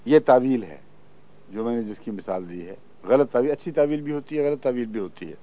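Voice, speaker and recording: A man's voice: mid-range voice, animated, warm tone. A man giving a religious lecture, reciting verses and explaining their meaning. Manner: explanatory, recites Arabic verses then translates. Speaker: Quran commentator. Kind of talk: religious lecture on Quran exegesis.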